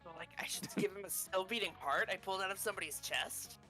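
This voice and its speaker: A woman's voice: medium pitch, fast, sharp tone, faint music behind, pitched below the performer's own voice, close to an everyday voice. A woman voicing a boisterous, scheming demon from a game, in a dramatic, exclamatory way. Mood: excited. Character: boisterous, scheming demon eager to impress and betray.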